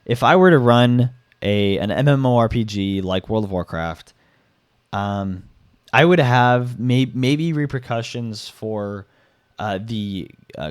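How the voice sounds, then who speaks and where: A hoarse young man giving his opinion in a casual vlog, rambling with many fillers and restarts and the odd swear. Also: medium pitch, no echo. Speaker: gaming YouTuber.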